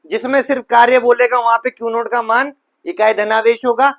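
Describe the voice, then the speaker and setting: High-voiced physics teacher. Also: male voice, little pitch movement, moderate pace, fairly bright tone. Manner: talks students through steps with frequent rhetorical questions; repeats himself, self-corrects mid-sentence. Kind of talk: whiteboard physics lecture.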